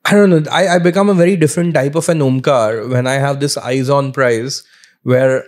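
A man in his thirties with an Indian accent speaks in a mid-pitched voice. He tells stories casually and with animation, as a podcast guest at a close microphone in a living room. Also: normal speed. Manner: animated storyteller mixing English with Hindi slang. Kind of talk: casual conversational storytelling. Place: small furnished living room, indoors. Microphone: podcast microphone on boom arm, close.

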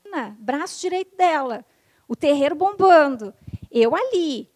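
High-voiced woman telling her testimony. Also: normal speed. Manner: animated storytelling, acts out quoted dialogue; emotional, intensifying at the climax. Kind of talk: personal conversion testimony.

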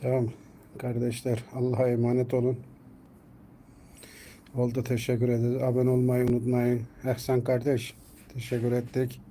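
A man chatting casually on a live stream at home, coaxing his cat to come inside and calling it loudly by name. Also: medium pitch, monotone, moderate pace, pauses often, slight background noise.

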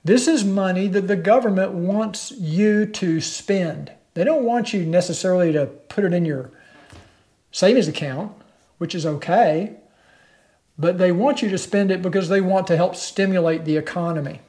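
An older man hosts a motorcycle channel, addressing the camera directly from his living room in a plain-spoken, persuasive vlog. His voice is high and dark-toned, moving at a moderate pace.

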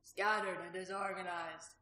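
A woman's voice: fairly low pitch, steady tone, unhurried, sharp tone. Woman reading a curt, dry former gladiator. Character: blunt hardened former gladiator, a man. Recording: roomy echo.

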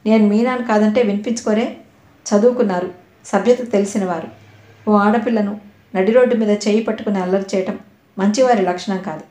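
A woman voicing a young working woman who answers curtly and indignantly in an audio novel, in a mellow voice with a roomy echo. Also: medium pitch, brisk, close to an everyday voice. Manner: curt and indignant.

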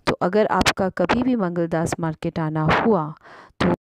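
Slow, low-voiced woman shopping vlogger. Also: a little hiss or hum, low-quality recording. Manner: chatty, mixes Hindi and English, frequent "uh" fillers. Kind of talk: casual vlog narration.

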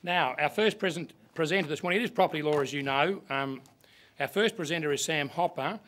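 An older Australian man with a fairly high-pitched, fairly bright voice speaks briskly from a podium microphone in a conference room. He's a clerk introducing a seminar in a practical, plain-spoken way, using fillers.

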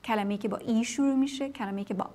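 A woman's voice: fairly high pitch, dark tone. Patient woman teaching a TV language lesson. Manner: patient, explanatory, with frequent fillers and self-corrections. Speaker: English teacher.

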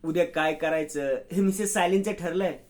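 A man doing a helpless young husband from a retold serial, exasperated and full of questions. The voice is high and close to the narrator's own. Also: normal speed, close to an everyday voice. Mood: troubled.

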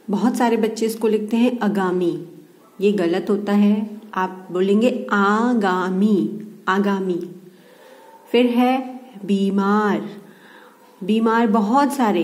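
A woman teacher giving a Hindi spelling lesson to schoolchildren, speaking slowly and carefully and repeating each word to stress how it is said correctly. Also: mid-range voice, dark tone. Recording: echoey room.

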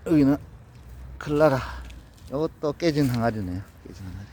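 A man with a Gyeongsang Korean accent, giving an unhurried, casual walkthrough of his plants outdoors and in a greenhouse. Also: medium pitch, animated, dark tone, a little hiss or hum. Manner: plain, unhurried, pointing things out.

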